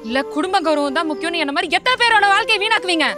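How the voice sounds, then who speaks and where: A woman's voice: very high voice, lively intonation, racing, recorded from a distance, music in the background. An actress playing a young village woman who pleads with her mother to let her study, defiant and emotional. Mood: pleading. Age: young adult. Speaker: daughter in a village family. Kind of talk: scripted comedy sketch acting.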